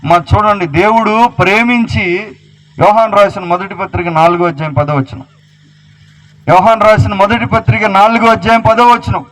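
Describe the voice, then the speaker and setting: A man's voice: high voice, fairly even intonation, moderate pace, a bit bright, poor audio. A male pastor preaching a sermon, repeating rhetorical questions and citing scripture references. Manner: quotes scripture references aloud.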